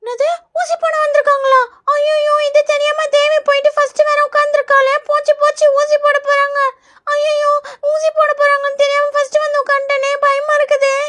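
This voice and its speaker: Squeaky scared little school kid begging, super high voice, woman doing it in a doll show. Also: completely flat delivery, fairly quick, fairly bright tone. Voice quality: high and wailing. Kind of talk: doll play voice acting.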